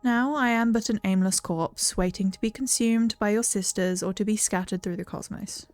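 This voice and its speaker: A woman voicing a calm, aloof undead witch in a video game, reading in a slow, measured, low voice. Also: soft background music, close to an everyday voice. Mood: solemn.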